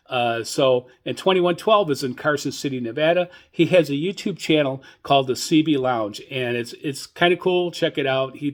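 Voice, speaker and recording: On his own hobby radio program, this relaxed male host sounds eager yet stumbles and wanders, often saying words twice. His pitch is medium and slightly bright.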